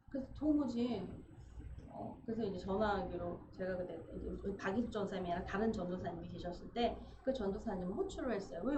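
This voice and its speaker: A woman pastor preaches a Sunday sermon in a chatty, storytelling manner, often asking her congregation questions. The church room rings around her voice, the sound is dull and muffled, and there is clear background noise throughout. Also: fairly high pitch. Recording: roomy, dull, noisy church recording.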